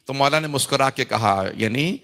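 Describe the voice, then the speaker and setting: A man's voice: medium pitch, bright, forceful tone. A man, a cleric, delivering an emotional mourning sermon to a gathering, grieving and impassioned, drawing out his phrases as his intensity builds. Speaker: Shia cleric addressing a majlis.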